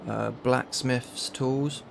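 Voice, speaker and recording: A man's voice: medium pitch, steady tone, drawn-out words, vocal fry, over music. A man with a London accent, casually reading through a list of game mods with a friend. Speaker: streamer. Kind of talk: casual gaming chat.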